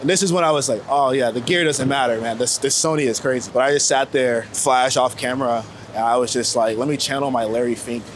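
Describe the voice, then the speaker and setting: A street photographer in his late twenties chats while walking through New York City, his mid-range voice moving a little fast with hardly any pauses. The interview talk is casual, reflective, rambling and slangy. Outdoor street noise carries faint traffic and urban ambience.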